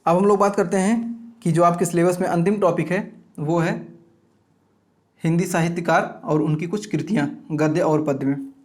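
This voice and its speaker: Guy teaching hindi grammar for an exam, kinda high voice, rattles off word lists, keeps saying ok?. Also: fairly even intonation, normal speed, a little mellow. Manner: lists examples one by one, checks in with "ठीक है". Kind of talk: exam-prep grammar lecture.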